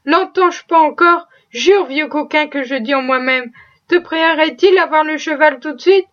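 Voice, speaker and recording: A woman voicing a sly, boastful male stable hand who exclaims loudly and plays innocent, in a storybook reading. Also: high voice, normal speed, close to an everyday voice. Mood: gleeful. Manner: exclaiming, mock-innocent, excitable. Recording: dull lo-fi recording.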